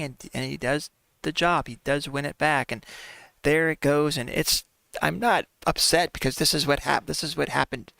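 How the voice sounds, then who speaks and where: Gravelly man narrating gameplay, sighing often. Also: mid-range voice, pushed and bright, no room sound. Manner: chatty, talks to viewers as folks; sighs and laughs through frustration. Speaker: gaming commentator. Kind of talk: casual gameplay commentary.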